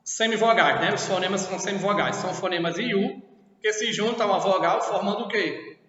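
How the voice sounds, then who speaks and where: A Brazilian man with a high voice teaches a class, explaining step by step and pausing to check understanding. He sounds far from the microphone in a boomy, reverberant room. The recording is dull and lo-fi. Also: pushed and bright. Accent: Brazilian Portuguese. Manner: explanatory, asks checking questions often. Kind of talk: classroom lesson. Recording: echoey distant lo-fi room recording.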